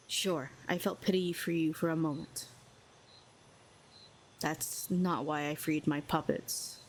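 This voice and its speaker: Cool, sardonic and needling, a woman voices a telepathic female villain in an audio roleplay, a character who is proud, cynical and lonely. Her voice is slightly low, and a faint hiss sits under the audio.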